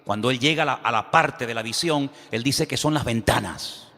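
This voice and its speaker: A male pastor preaches a sermon, posing rhetorical questions to his listeners as his fervor builds. His voice sits at a middle pitch. It rings with the long reverb of a large hall. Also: normal speed, sharp tone.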